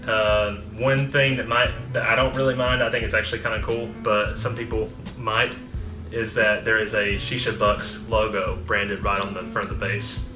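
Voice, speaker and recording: A man's voice: on the low side, little pitch movement, moderate pace. A man giving a casual, conversational product review. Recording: roomy echo, music behind. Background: music.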